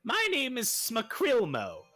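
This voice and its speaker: A man putting on a squeaky fussy little gnome. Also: slow pace, faint music behind, full character voice. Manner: high, stammering and excitable. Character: small male gnome host, suspicious yet welcoming.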